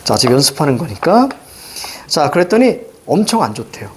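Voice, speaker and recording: A middle-aged man teaching a reading lesson, quizzing students with quick questions and a repeated "now". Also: on the high side, very animated. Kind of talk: recorded lecture explaining a reading passage.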